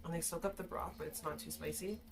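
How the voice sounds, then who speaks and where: A woman's voice: low-pitched, fairly even intonation, quick pace, background noise. A tipsy woman chatting casually to camera as she hosts a food video, slangy and given to swearing. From Caribbean background. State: tipsy from shots. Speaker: mukbang and drunk-cooking video host. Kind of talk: casual chat to camera while eating and cooking.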